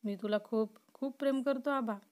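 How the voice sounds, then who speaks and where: A woman's voice: on the high side, moderate pace, darkish tone, lightly acted. A woman voicing an obsessive, possessive young man who swings between pleading and threatening in a storybook reading. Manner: pleading then threatening, intense.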